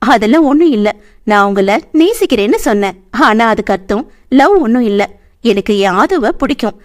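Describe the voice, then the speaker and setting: A woman's voice: a little high, lightly acted. A woman voicing an innocent, childlike young woman who chatters naively in a storybook reading. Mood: dismissive.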